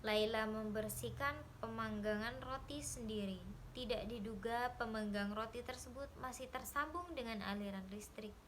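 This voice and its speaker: A young woman with a high voice reads a short story aloud as a literature student's exercise. Her delivery is careful and steady, with the odd stumble and restart. A faint hum of background noise sits behind her. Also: moderate pace, low-quality recording. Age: young adult. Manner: careful reading with small slips and restarts.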